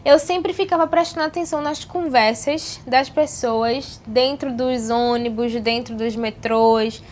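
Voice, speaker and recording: A woman's voice: fairly high pitch, fairly even intonation, measured pace, a little mellow. A young adult woman, chatting casually to camera and giving tips, with many fillers and repeated "então, assim". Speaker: vlogger giving language-learning tips.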